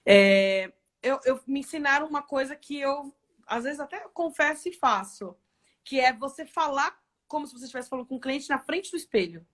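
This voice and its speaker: Chatty woman executive, raised pitch. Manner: lively storytelling with frequent tag questions. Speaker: guest, e-commerce executive. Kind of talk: casual live interview chat.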